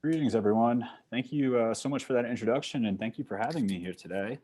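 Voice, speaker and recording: A man with a Long Island accent, from New York, giving a fast-paced online talk as a psychologist, with frequent fillers and restarts. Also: medium pitch, dark tone, a little hiss or hum. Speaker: guest speaker, psychologist. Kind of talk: online presentation. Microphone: video call.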